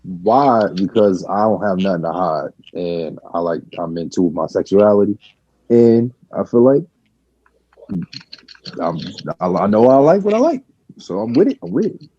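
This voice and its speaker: A man's voice: on the low side, animated, moderate pace, warm tone, no echo. A thirty-year-old man, a guest speaking frankly in a casual group chat. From Brooklyn, New York. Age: 30s. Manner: frank, easygoing. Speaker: panel guest. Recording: dull lo-fi sound.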